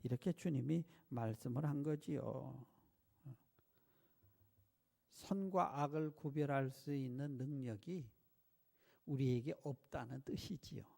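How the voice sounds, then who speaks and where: A male pastor preaching a sermon, putting rhetorical questions to the congregation in an animated way. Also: medium pitch, a little slow, vocal fry, pauses often.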